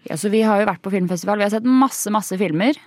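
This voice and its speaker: A young woman hosting a radio show, chatting casually and reacting in a lively way. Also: mid-range voice, dry recording. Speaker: radio host.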